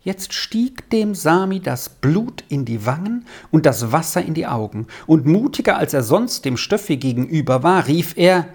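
A reader narrating a German storybook in an expressive, melodic storytelling manner. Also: mid-range voice, normal speed, hardly any pauses, slightly rough. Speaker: audiobook reader.

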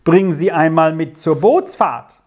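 A woman's voice: low-pitched, animated, unhurried, a little mellow. A woman voicing a shady, overly friendly man in a children's story, calling out breezily. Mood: jaunty.

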